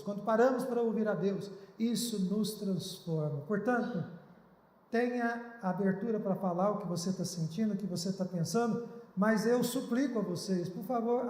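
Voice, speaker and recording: High-voiced pastor preaching in an echoey hall. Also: male voice, normal speed, a little mellow. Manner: earnest, pleading preacher. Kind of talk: sermon. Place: church hall.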